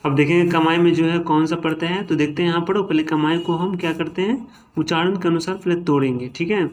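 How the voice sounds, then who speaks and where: A man's voice: on the high side, fairly even intonation, fast. A man teaching a grammar lesson, breaking words apart syllable by syllable and checking in with his students again and again. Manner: repetitive, frequent "ठीक है" and "है ना" check-ins. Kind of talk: classroom-style lesson.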